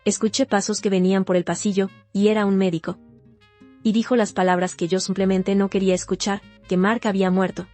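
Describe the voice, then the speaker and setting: A woman narrates a personal testimony in first person, her delivery steady and sober. Her voice sits at an ordinary middle pitch with a soft, mellow warmth. A faint plucked guitar plays underneath. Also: fairly quick. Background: faint guitar music.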